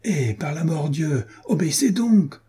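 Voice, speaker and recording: A man voicing a brutal mercenary captain in an audiobook, talking in a gruff, barking way. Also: mid-range voice, lively intonation, moderate pace, dark tone. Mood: raging.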